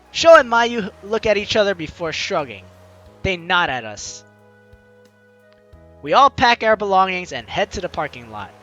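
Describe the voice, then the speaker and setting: With a high, very lively voice, a man hosts a let's-play, reading game text aloud and adding excited commentary while music plays underneath. His delivery is bright and forceful, turning playful, teasing and exclamatory as he talks straight to the audience. The audio sounds dull.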